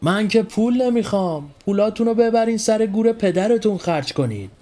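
A man voicing a desperate man shouting down from a plane tree, with a ringing, trembling voice, reading a storybook aloud. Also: high voice, expressive, voice pushed up. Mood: bitter.

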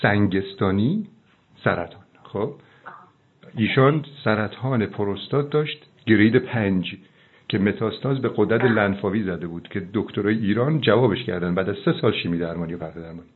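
A middle-aged man, a doctor, giving earnest, preachy advice on a phone call, slowing down for emphasis. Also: on the low side. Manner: fervent, preachy, slows down for emphasis. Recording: tinny phone line.

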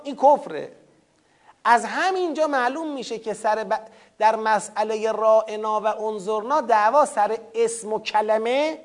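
A man with a strikingly high voice lectures on scripture. He recites verses in Arabic, then unpacks them with questions he answers himself. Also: fairly bright tone. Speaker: Quran commentary teacher.

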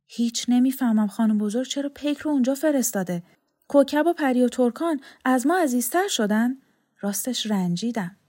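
A woman's voice: sits high, lively intonation, hardly any pauses, a little mellow, no room sound, studio quality, pitched above the performer's own voice. A woman doing a frail, wistful old man. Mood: uneasy.

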